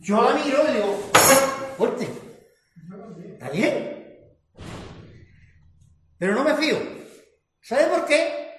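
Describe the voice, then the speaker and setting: A man preaching a sermon, asking rhetorical questions and swinging between loud and soft. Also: very high-pitched, big pitch swings, takes it slowly, pauses often, echoey room, slight background noise.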